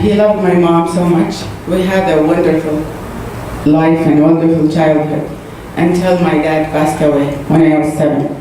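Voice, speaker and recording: A woman from Saudi Arabia, whose first language is Arabic, gives personal testimony to a congregation as a guest in a church hall. Her low voice comes across earnest and halting, full of fillers. The recording is distant and noisy, with heavy hall echo.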